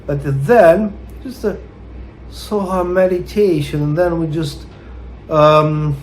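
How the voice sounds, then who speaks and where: A man's voice: a little high, slight background noise. A man with a Russian accent and Russian as his first language, giving a spiritual talk that reads out quotes and explains them, hesitant and full of fillers. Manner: hesitant, many fillers, unhurried. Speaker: spiritual teacher.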